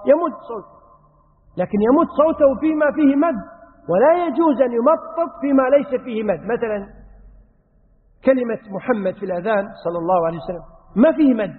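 A man's voice: very high voice, in a large hall, narrow, tinny audio. A man teaching Islamic jurisprudence, answering questions one by one and chanting examples from the call to prayer. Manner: reads questions aloud then answers, demonstrates the call to prayer in a drawn-out chant. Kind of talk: religious Q&A lesson.

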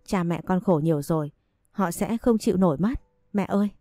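Woman doing a young wife begging, low and soft-toned, dry sound. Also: fairly quick, no room sound, lightly acted. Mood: pleading. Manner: imploring, tearful begging. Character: young wife, pleading and humble.

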